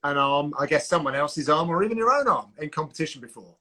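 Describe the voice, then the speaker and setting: A man with a fairly high voice hosts a casual streamed interview. He asks questions with a playful, teasing edge. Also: expressive, fast, sharp tone. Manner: teasing, jokey.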